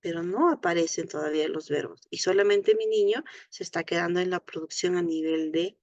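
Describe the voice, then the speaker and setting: A woman's voice: fairly low pitch, a little mellow, no room sound, muffled recording. A woman teaching an online class on speech therapy, explaining patiently and checking in often with a questioning tag. She has a Latin American Spanish accent. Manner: explains slowly, frequent tag "¿no?".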